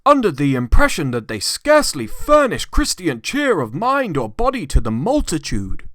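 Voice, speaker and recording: Man playing a high-pitched genteel portly gentleman. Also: wildly swooping pitch, normal speed, dry recording, studio quality. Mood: earnest appeal. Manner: formal, polite, florid. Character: portly, genteel, earnest charity-collecting gentleman.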